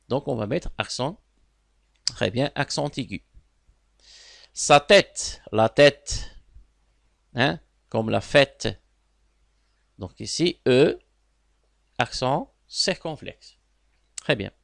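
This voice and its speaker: A man with a Moroccan accent teaching a class as he corrects an exam, explaining slowly, repeating words and asking his students questions. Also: mid-range voice, gravelly, dry recording, studio quality.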